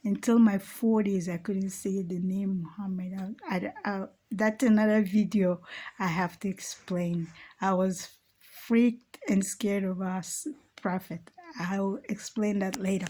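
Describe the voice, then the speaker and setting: A middle-aged woman telling a spiritual story in a casual vlog, dropping to hushed asides and then rising to loud exclaims, with many "okay"s and "you know"s. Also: mid-range voice. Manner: animated, swings between soft hushed asides and loud exclaims. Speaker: spiritual YouTuber. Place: home at night.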